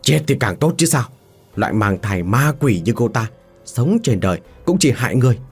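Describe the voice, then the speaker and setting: Male narrator as a gloating, scheming mistress, husky. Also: medium pitch, sing-song, moderate pace, soft background music. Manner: sneering, contemptuous.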